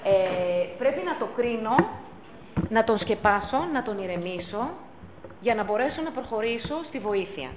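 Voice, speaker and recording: Woman teaching a crowd, animated voice, tinny lo-fi sound w/ a bit of hiss. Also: medium pitch. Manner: emphatic, repeats key points. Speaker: first aid instructor. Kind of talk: public talk on pet first aid. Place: council chamber.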